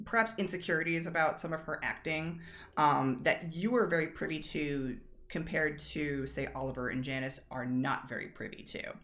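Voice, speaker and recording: Lady running a tabletop game, lowish voice, lots of ums. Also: moderate pace, fairly bright tone. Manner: casual, filler-heavy narration. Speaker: game master. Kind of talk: narrating a tabletop role-play.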